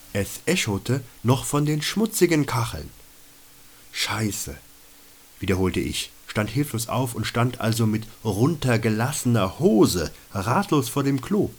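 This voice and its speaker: A man's voice: medium pitch, breathy edge. Guy reading his own travel diary, wry and self-mocking, voice bouncing all over. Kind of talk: scripted first-person storytelling.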